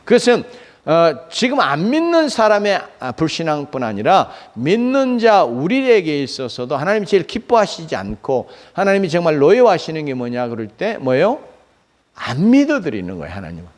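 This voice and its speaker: A man's voice: a little high, sing-song, moderate pace. A man pastor preaching a Sunday sermon, asking rhetorical questions and answering them himself, with frequent fillers. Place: church sanctuary.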